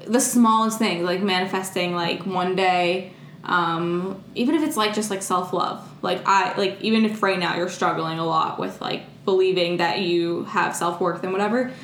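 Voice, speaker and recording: A woman's voice: fairly low pitch, fairly even intonation, normal speed, fairly bright tone. A young woman co-hosting a podcast, chatting casually and teasingly, often saying "like". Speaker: podcast co-host. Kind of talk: casual chat. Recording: echoey room with faint background noise.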